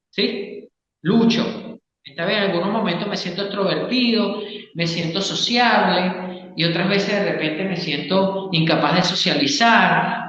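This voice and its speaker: Explaining ideas during an interview, a male psychologist and Gestalt therapist often checks in with the listener, his voice high-pitched and a little bright. The sound is dull, shaped by the long reverb of an echoey room.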